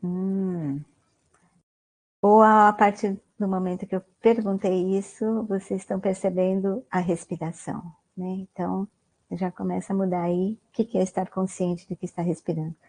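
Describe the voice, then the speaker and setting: Medium in pitch with a darkish tone, her voice moves little in pitch and keeps a moderate pace. She's a Brazilian Portuguese-accented guest lecturer giving an online mindfulness talk, conversational in manner, frequently adding "né?" and questioning her listeners.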